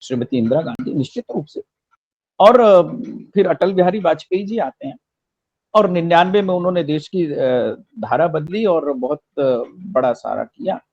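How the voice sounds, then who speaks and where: High-voiced impassioned male commentator. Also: expressive, moderate pace, darkish tone, no room sound, dull audio. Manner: rhetorical, emphatic, repeats phrases for effect. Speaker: political commentator.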